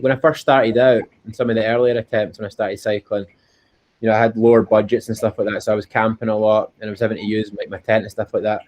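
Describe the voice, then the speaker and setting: A man's voice: fairly low pitch, a little mellow. A man with a Scottish accent chatting informally and earnestly as an interview guest, often repeating himself. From Scotland. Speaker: interview guest, endurance cyclist. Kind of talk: casual interview chat. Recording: dull, lo-fi call audio.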